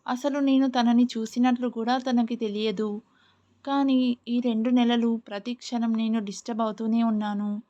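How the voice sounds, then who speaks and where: A woman's voice: a little high, little pitch movement, moderate pace, warm tone, lightly acted. Smitten college guy, earnest and kinda brooding, woman reading him, muffled audio. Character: lovestruck young male college student. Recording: muffled lo-fi recording.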